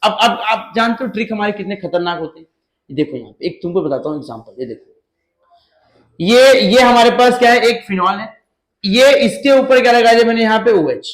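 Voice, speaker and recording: A male chemistry teacher giving a lively lecture, asking his students questions and answering them himself, with jokes along the way. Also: high-pitched, a little fast, reverberant, poor audio.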